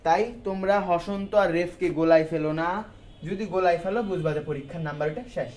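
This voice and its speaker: A man's voice: high voice, steady tone, fast talker, darkish tone, a little hiss or hum. A male teacher giving a grammar lesson to students, explaining step by step and asking questions that he answers himself, in a colloquial style with English words mixed in.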